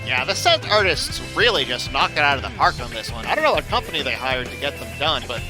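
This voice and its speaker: Guy streamer doing casual reaction commentary, super lively up and down voice, exclaims a lot, faint music behind. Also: mid-range voice, fast talker. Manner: animated, exclamatory, emphatic repetition.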